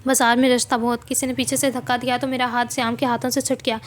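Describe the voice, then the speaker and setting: A woman's voice: fairly high pitch, flat delivery, fast talker, slight background noise, natural voice. A woman voicing a desperate young mother who pleads for help to find her lost son. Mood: grieving. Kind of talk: novel reading.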